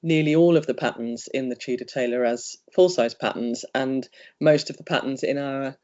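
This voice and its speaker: A man on an online panel talking about his business, with halting speech and frequent restarts. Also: medium pitch, darkish tone. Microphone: video call. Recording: dull lo-fi video call audio.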